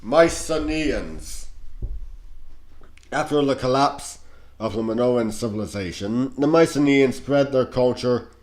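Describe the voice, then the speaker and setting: Slow-reading man with a stuffy nose. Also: medium pitch, a little mellow. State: sick with a cold. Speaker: narrator reading on-screen educational game text. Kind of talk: scripted narration, reading aloud.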